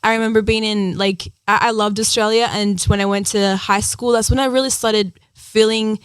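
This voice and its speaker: A woman's voice: mid-range voice, steady tone, normal speed, smooth, no room sound. A young woman from Ecuador, a singer-songwriter guest, talking earnestly in a casual interview with lots of fillers. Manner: chatty, earnest, many "like" and "um" fillers.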